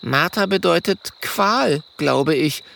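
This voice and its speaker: A man's voice: on the high side, lively intonation, slow pace, gravelly, a bit bright, slight background noise, voice pushed up, heavily acted. A man voicing an anxious but thoughtful young male dragon in a storybook reading.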